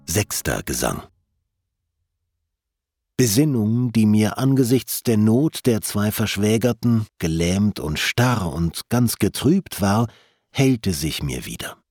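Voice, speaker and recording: A man reading an epic poem aloud in a measured, solemn verse recitation. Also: on the low side, sing-song, darkish tone, no room sound, studio quality. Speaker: audiobook reader.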